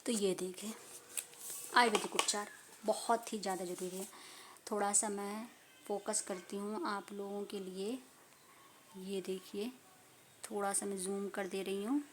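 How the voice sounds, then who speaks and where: A woman's voice: medium pitch, fairly even intonation, measured pace, long pauses, a little hiss or hum. A woman tutor talking casually to viewers while reviewing a medical book, chatty and teacherly, recorded on a phone at home. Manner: chatty, teacherly, laughs and apologizes often.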